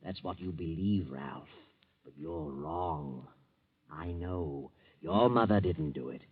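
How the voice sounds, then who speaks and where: An actor playing a sinister, all-knowing mystery narrator who taunts the guilty in 1940s radio style. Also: male voice, rumbling low, takes it slowly, breathy edge, exaggerated voice. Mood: taunting, gloating. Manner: taunting, omniscient, addressing the culprit directly. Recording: dull old 1940s radio, music behind.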